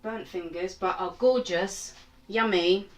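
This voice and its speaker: A woman's voice: mid-range voice, slow pace, reverberant, distant mic. A woman hosting a casual cooking demonstration in her small home kitchen, chatty and rambling with self-mocking asides. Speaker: home cook and channel host.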